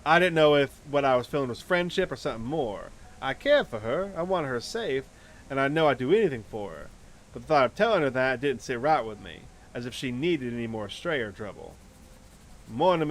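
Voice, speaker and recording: Reading a visual novel aloud for a let's play, this man stumbles occasionally and adds offhand remarks. He sounds animated and fairly quick in a mid-range voice, on poor audio with noticeable background noise and ambience.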